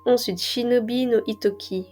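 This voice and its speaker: A woman's voice: fairly high pitch, fairly even intonation, normal speed, a little mellow, faint music behind. A tired woman with a French accent, talking casually and offhandedly as an anime vlogger, full of fillers. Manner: tired, offhand, laid-back commentary with many fillers. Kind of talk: casual chat.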